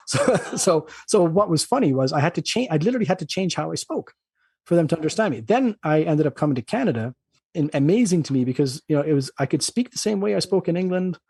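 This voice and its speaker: A middle-aged man with an Irish accent and a slightly husky voice, speaking quickly and anecdotally as a doctor being interviewed. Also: on the high side, big pitch swings, a little mellow, no echo, studio quality. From Ireland. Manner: fast-talking, anecdotal. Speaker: doctor, podcast guest. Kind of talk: conversational interview.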